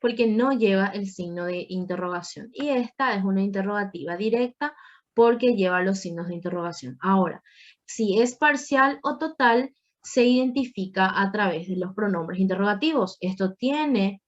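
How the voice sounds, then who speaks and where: A woman's voice: medium pitch, moderate pace, lo-fi sound. A woman teaching a Spanish grammar class online, explaining patiently with playful asides to her students.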